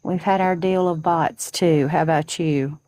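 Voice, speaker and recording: Woman, 40s, live-stream co-host: unhurried, gentle, a bit low, dry mic. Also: fairly even intonation, no echo. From Southern United States. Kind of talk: casual chat on a live stream. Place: outdoors on a home porch at dawn.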